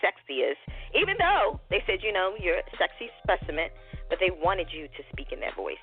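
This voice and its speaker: A woman co-host with a lowish voice that rises and falls widely, teasing and quick to laugh. Her sound is thin and phone-like, with faint music behind. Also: huge pitch swings. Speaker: talk show co-host. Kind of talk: casual radio chat. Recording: tinny lo-fi line with faint music.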